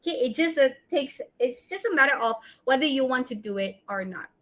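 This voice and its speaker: Guest-speaking at a public speaking workshop, a woman with a Malaysian accent offers direct advice, ending sentences with "right?" and "okay?". Her voice sits high and fairly bright, animated and fairly quick.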